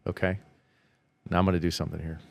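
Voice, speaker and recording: A man's voice: low-pitched, little pitch movement, quick pace, vocal fry. A man, a news anchor, co-hosting a casual podcast, joking and rambling with many restarts. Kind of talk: casual chat.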